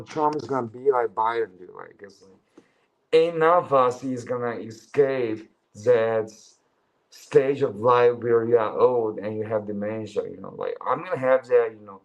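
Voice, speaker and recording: This livestream commentator is a Chinese man in his twenties from China who speaks Chinese as his first language. He swears, calls his audience bro, and mocks people with raised-voice impressions, all in a lowish voice with vocal fry. The recording is rough.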